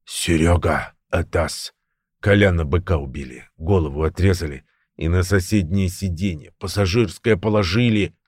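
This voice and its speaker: A man voicing a panicked young male thug calling his friend, agitated and shouting. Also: deep voice, no echo, clean studio sound, lightly acted.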